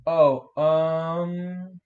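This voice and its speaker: A man's voice: a little high, level tone, extremely slow, phone-quality sound, a crowd in the background. A man running a tabletop game as game master on a livestream, thinking aloud with many restarts.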